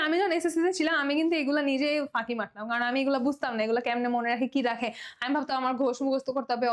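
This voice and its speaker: A young woman with a Bangladeshi Bengali accent runs an online exam-prep lesson in a high voice. She is playful and teasing, and she pleads with her students to understand. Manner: playful, pleading, mixes English words. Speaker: teacher.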